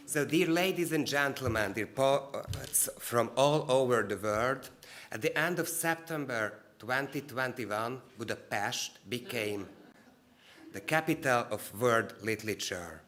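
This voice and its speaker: Man, hungarian accent, bright forceful tone, formal prepared speech, occasional restarts. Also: lowish voice. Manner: reads a prepared speech steadily, with a few restarts. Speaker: speaker from a cultural agency.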